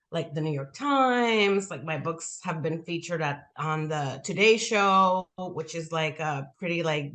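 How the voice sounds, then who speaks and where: A guest author in her forties from the Dominican Republic answers interview questions in a chatty manner, leaning heavily on "like" as a filler. Her voice sits fairly low in pitch with a bit of brightness.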